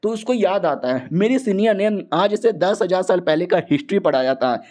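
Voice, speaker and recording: A man retelling a manga story for viewers, casual and slangy, with joking asides. His voice sits high for a man. The tone is mellow and warm rather than bright. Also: animated, moderate pace.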